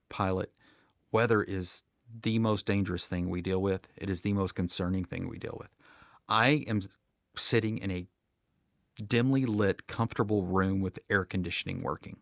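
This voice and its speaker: Deep and gravelly, this American man talks conversationally as an expert guest on a podcast, and the recording has no echo. He's an air traffic controller who speaks emphatically and plainly, with a dry sense of humor.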